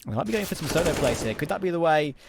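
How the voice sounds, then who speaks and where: A man doing live esports play-by-play as a caster, with excitable, emphatic delivery. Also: a little high, racing, gravelly, background noise. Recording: game gunfire and clicks throughout. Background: video game gunfire and clicks.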